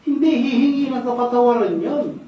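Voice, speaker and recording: A man's voice: very high voice, a little fast, slight background noise. A man preaching a sermon as pastor, telling stories, repeating key phrases and ending phrases with a questioning "no?". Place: church sanctuary, indoors. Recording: very echoey hall, distant dull mic.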